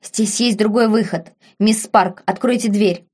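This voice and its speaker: A woman's voice: mid-range voice, steady tone, unhurried, darkish tone, slightly rough. A woman voicing a nobleman duke who gives clipped, curt orders. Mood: commanding.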